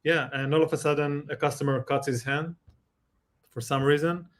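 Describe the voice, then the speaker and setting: A man with an Israeli accent, a guest expert in a live Q&A, explaining calmly with examples and halting rephrasing. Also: a little high.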